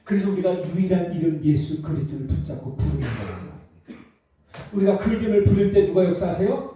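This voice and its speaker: A male pastor delivers an emphatic sermon and keeps putting questions to his listeners. His voice sits high but sounds mellow and dark. It comes from a distance and echoes through a large church hall. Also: lively intonation, a little fast, faint music behind. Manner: emphatic, many rhetorical questions to the congregation. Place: church sanctuary.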